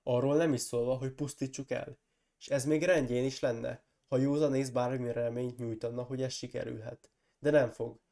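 A proud, forceful warrior lord who presses his point and flares into loud accusations, as a hoarse man reads him aloud. The voice is gravelly and mellow, with a rough edge from a cold, in the manner of a storybook reading. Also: mid-range voice, little pitch movement, close to an everyday voice. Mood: angry. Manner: insistent, rising to loud accusing outbursts.

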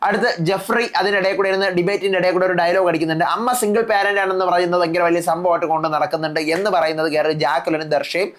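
Rapid-fire man recapping a TV episode. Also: high-pitched, steady tone, fairly bright tone. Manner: retells the contestants' lines in quick succession. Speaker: TV show reviewer. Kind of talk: fast episode recap in casual speech.

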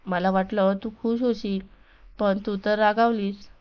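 A woman's voice: mid-range voice, little pitch movement, measured pace, clear, resonant tone, muffled recording, close to an everyday voice. A woman voicing a playful young man who teases his fiancée affectionately, in a storybook reading. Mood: teasing. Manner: teasing, affectionate.

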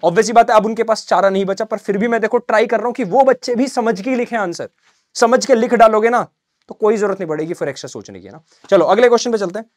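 A man teaching an exam-prep lesson, slowly dictating English answers and explaining in chatty Hindi. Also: sits high, no room sound, studio quality.

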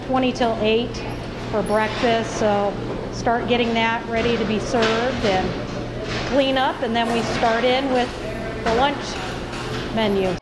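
A woman's voice: a little high, steady tone, unhurried, over loud music. A woman school cafeteria worker, explaining her routine in a practical, matter-of-fact way. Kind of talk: interview answers.

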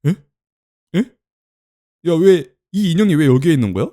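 들뜬 말투의 남자 게임 스트리머. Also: male voice, a little high, normal speed. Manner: excitable, chatty, exclaims often. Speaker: game streamer. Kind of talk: let's play commentary.

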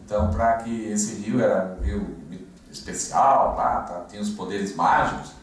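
Pastor preaching in an echoey hall. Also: male voice, fairly low pitch, fairly even intonation, measured pace. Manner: conversational storytelling with many fillers and restarts. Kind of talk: expository sermon. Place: church hall. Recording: echoey room, distant mic, faint noise.

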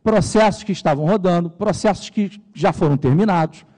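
A middle-aged man from Rio de Janeiro with a Carioca accent gives a technical conference talk on stage, relaxed and jokey, asking and answering his own questions. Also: high-pitched, moderate pace. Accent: Carioca Brazilian Portuguese. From Rio de Janeiro, Brazil. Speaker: conference speaker. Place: large conference hall stage. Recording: reverberant large hall.

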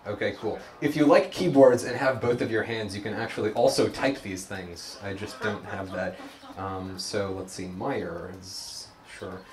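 A man's voice: fairly low pitch, steady tone, unhurried, crowd noise. A young man giving a casual live demo talk at a tech meetup, rambling and self-deprecating with lots of ums and restarts. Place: meeting room at a hack night. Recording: echoey room, distant mic, faint noise.

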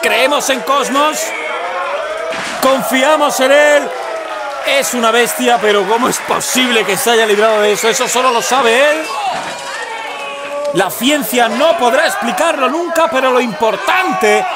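Spanish guy from spain doing wrestling commentary, yelling emphatically, super loud crowd all around. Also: extremely high pitch, measured pace, pauses often. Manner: shouting, emphatic. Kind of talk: excited live wrestling play-by-play commentary. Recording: noisy event hall with loud crowd.

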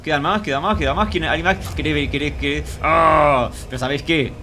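A man's voice: a little high, fairly quick, sharp tone, slight background noise. A man with a Rioplatense Argentine accent doing let's play commentary, chattering to himself and viewers, repeating phrases and speaking of himself in feminine forms. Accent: Rioplatense Argentine Spanish. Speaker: gaming streamer.

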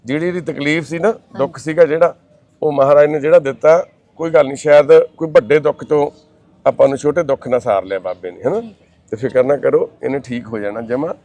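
A man with a somewhat high voice talks in a reassuring, caring way, calling people son and sister. He moves between consoling a family and appealing to an audience watching the video. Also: dry recording. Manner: warm, reassuring, calls others son and sister; recites prayer in a slow chanting voice. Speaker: social worker hosting the channel. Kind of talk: comforting talk and appeal to viewers.

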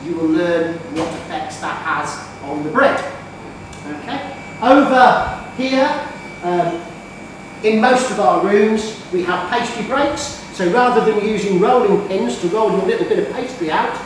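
A middle-aged man giving a guided tour of a bakery as instructor, explaining the equipment with fillers and restarts. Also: high voice. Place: large industrial bakery kitchen, indoors. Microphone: camera mic from a distance. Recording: echoey kitchen, distant mic, noisy.

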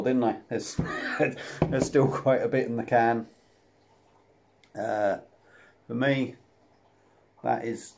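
This man's medium-pitched voice is creaky and a little mellow. He chats his way through a casual beer review at home in a small room, often laughing at himself, while a camera sits close at desk level.

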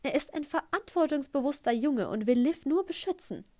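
A woman voicing a gushing, tactless middle-aged mother who talks loudly and effusively. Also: high voice, lively intonation, moderate pace, dry recording, clean studio sound, voice pushed up. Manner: loud, effusive, embarrassing chatter.

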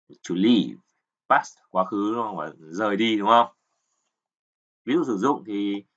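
A man's voice: fairly low pitch, bright, forceful tone. A man teaching kanji, patiently explaining and repeating words, often checking with learners. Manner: keeps asking "right?" to check learners. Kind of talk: explanatory lesson.

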